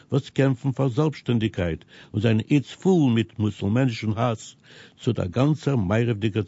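A man presenting a scripted radio news program, reading items in a steady, measured way. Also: medium pitch, creaky, slightly rough, dry recording. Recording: dull, lo-fi radio recording.

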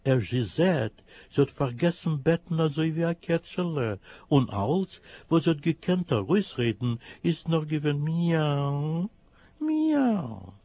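A man reading a children's story in a lively sing-song manner. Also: on the high side, moderate pace, breathy edge, dry recording.

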